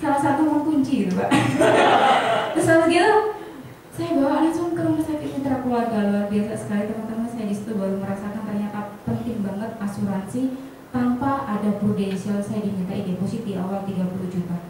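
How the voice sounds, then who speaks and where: A woman, an insurance agent telling colleagues a personal story in an animated way, acting out the dialogue and often turning to the audience. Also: on the high side, a little fast. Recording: echoey hall from far off, faint noise.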